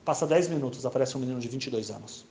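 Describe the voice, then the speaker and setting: A man telling a story in a lively way, acting out each character as he goes. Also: medium pitch, rapid-fire, a little hiss or hum. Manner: animated, acts out every character. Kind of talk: lively anecdote told to an audience.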